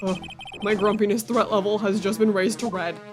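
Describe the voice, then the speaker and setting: A woman's voice: medium pitch, little pitch movement, brisk. Dry, casual woman let's-play host. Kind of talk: game commentary and reading dialogue aloud. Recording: music playing behind the voice.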